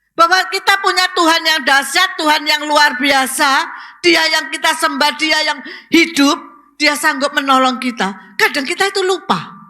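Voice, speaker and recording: A woman pastor preaches with a bright, ringing voice pitched a little high. She asks the congregation questions and rises to emphatic exclamations. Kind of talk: sermon.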